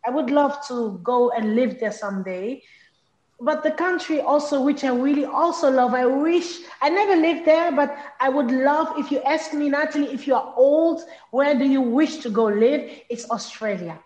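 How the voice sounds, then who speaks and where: A young adult woman from Congo, a singer whose first language is Lingala, talks casually as an interview guest, often repeating words while she hunts for the right phrasing. Her voice sits high and moves at a normal speed, with a darkish tone. The recording sounds roomy and dull.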